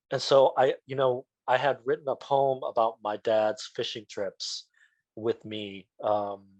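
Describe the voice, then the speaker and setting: A man's voice: fairly low pitch, darkish tone, dry recording, low-quality recording. A man, a children's book author, speaking in a reflective, rambling way full of fillers. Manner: reflective, rambling, many fillers like "like" and "you know". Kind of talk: interview talk.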